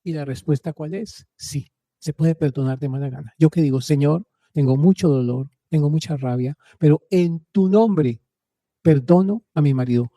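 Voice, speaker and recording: Man, radio host, dark mellow voice, somewhat high pitch, earnest storytelling, preaching, dry close recording. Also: moderate pace, no room sound. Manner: asks listeners rhetorical questions. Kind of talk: radio talk on faith and marriage.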